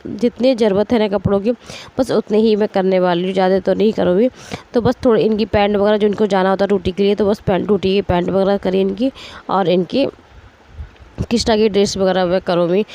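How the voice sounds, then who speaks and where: A woman in her thirties with a hoarse, strained voice from a cold, chatting casually as she narrates her household day. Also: mid-range voice, dark tone. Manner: chatty, rambling, straining her throat to speak. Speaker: vlogger, homemaker. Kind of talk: casual voice-over narrating daily routine.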